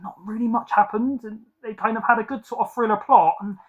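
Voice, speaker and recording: A man's voice: high-pitched, fairly even intonation, fairly quick, phone-quality sound. A man casually ranking films from his collection at home, rambling and hesitant with many ums and self-corrections. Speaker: film collector vlogger. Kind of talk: casual film ranking chat.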